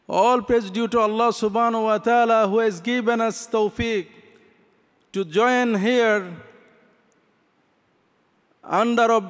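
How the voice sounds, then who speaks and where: A man's voice: high voice, smooth. A man, giving an impassioned convention speech from a podium, mixing Arabic recitation into his English. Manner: impassioned, gesturing with both hands. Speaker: imam. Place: large convention hall stage. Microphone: podium microphones. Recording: long reverb of a big hall.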